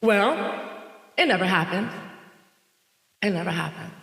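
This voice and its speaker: A woman from North Carolina hosting a podcast, telling her own story in a reflective monologue with slow, emphatic repetition. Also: lowish voice, gravelly, a bit bright. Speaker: podcast host. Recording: echoey reverberant room.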